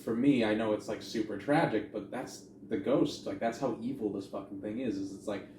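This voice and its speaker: A man's voice: fairly low pitch, brisk, darkish tone. A man co-hosting a podcast, chatting casually and profanely about a horror movie, retelling scenes. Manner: rambling, profane, retells scenes in quoted voices. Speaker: podcast co-host. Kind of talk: casual movie review chat. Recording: echoey room, distant from mic, faint noise.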